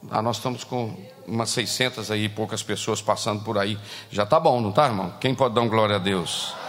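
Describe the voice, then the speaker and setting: A pastor with a Brazilian Portuguese accent preaching a sermon in a church, animated and rising to shouts. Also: male voice, mid-range voice, big-room sound.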